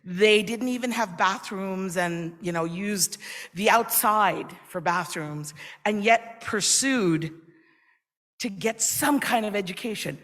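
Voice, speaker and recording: A woman's voice: mid-range voice, fairly bright tone, long reverb tail. A middle-aged woman giving a friendly, conversational personal speech at a conference. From New York, USA. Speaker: invited speaker. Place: conference hall.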